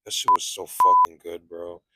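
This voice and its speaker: A man's voice: deep voice, wildly swooping pitch, moderate pace, heavy background noise. A young man hosting a podcast, chatting casually with lots of profane slang. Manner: laid-back, profane slang. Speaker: podcast host.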